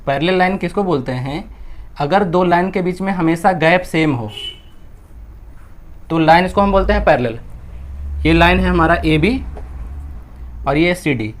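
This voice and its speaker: A man's voice: fairly high pitch, a little slow, long pauses. A young man with an Indian accent, a maths teacher working through textbook exercises step by step, mixing Hindi with English and asking and answering his own questions.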